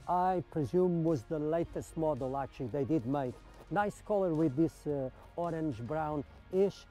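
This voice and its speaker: A man with a slightly raised pitch and a very warm, dark tone talks viewers through what he sees, eager and admiring, often turning to them with questions. He is outdoors in a car park, with faint music in the background. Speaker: vlogger touring a car meet. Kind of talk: casual walkaround commentary.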